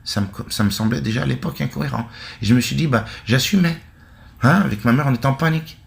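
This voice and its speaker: A man's voice: medium pitch, quick pace, vocal fry. A middle-aged man from France giving a blunt, rambling monologue with many asides. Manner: blunt, conversational, full of asides and restarts. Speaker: online religious commentator. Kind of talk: casual monologue.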